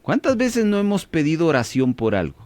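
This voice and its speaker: Male radio preacher, Latin American Spanish accent, emphatic and lively in pitch, dry close mic. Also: a little fast, no room sound. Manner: preachy, emphatic, asks listeners questions. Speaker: radio Bible teacher and host. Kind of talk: radio Bible teaching. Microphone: studio microphone.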